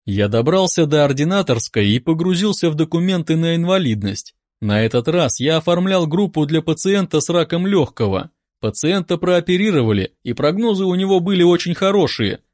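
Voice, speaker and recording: A man narrating a first-person audiobook with expressive storytelling. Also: on the high side, fairly quick, few pauses, no echo, clean studio sound.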